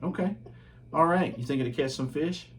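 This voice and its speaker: A man hosting his fishing channel, casually reviewing baits at home in a relaxed, chatty way with lots of ums and uhs. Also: a little high, moderate pace, slight background noise.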